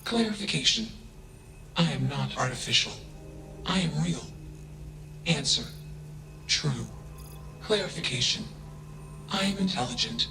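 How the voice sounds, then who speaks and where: A man voicing a self-aware machine intelligence in a video game, speaking flatly and without emotion, opening each clipped statement with a one-word tag. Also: fairly high pitch, measured pace, creaky, long pauses, exaggerated voice. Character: flat emotionless self-aware AI who insists it is a person. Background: game music.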